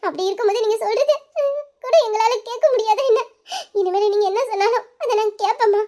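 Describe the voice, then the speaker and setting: A woman's voice: very high-pitched, steady tone, fast talker, dark tone. A woman playing a young adult daughter in a family drama, speaking in an earnest, apologetic and affectionate manner. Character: Nila, grown daughter, loving and apologetic. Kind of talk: emotional family drama acting.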